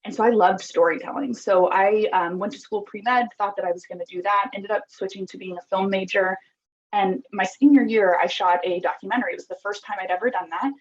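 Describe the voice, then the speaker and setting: A Costa Rican woman in her thirties, an app founder, is a guest on a podcast, reflecting openly and earnestly in an interview with plenty of ums and likes. Her voice is mid-range, steady and brisk, and the audio sounds dull.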